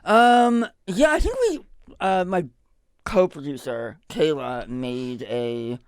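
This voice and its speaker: A man talking as a podcast guest in a dry studio. His voice is smooth and sits fairly high, and he speaks hesitantly, stopping and restarting his sentences. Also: expressive, takes it slowly, dry recording. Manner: hesitant, many ums and restarts. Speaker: guest filmmaker. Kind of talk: casual podcast chat.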